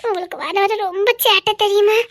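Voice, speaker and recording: A woman's voice: extremely high pitch, fairly even intonation, fairly quick, a bit bright, no room sound. A woman with a Tirunelveli Tamil accent playing a shy young office clerk who stammers and protests playfully. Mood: coy protesting. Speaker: office employee. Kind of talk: village web-series acting.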